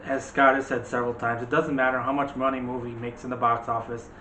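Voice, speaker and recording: Quick and pushed, with a bright edge, a medium-pitched male voice delivers flat lines while hosting a casual movie chat full of playful ribbing. He runs a movie channel. The indoor room echoes, and faint noise sits in the background.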